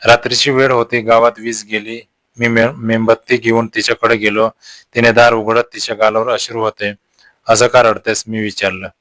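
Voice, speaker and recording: A man narrating a romantic story in the first person, in a slow, gentle, hushed manner. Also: fairly low pitch, little pitch movement, no room sound.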